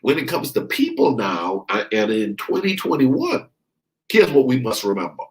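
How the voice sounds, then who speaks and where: A man from the Bahamas, a life coach preaching a motivational sermon, speaking to his listeners directly, repeating lines for stress and drawing out key words slowly. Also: mid-range voice, sing-song, rough recording.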